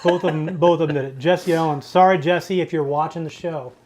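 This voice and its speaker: A man's voice: on the high side, fairly even intonation, brisk, a little mellow, a little hiss or hum. A man co-hosting a casual livestream trivia game, reading questions aloud and teasing the chat. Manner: reads questions and teases the chat. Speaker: trivia co-host.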